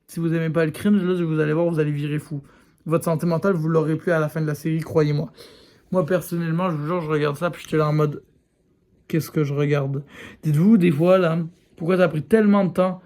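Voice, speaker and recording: This man reviews a series on YouTube in a frank, casual way, talking directly to viewers he calls "les gars" and using many fillers. His voice leans high and darkish, with fairly even intonation and a quick pace.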